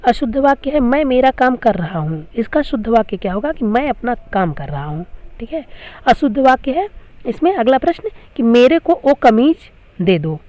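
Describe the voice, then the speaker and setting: Higher-voiced woman teaching grammar patiently. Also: very animated, normal speed, darkish tone. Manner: patient, repeats each question and answer. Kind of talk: classroom grammar lesson.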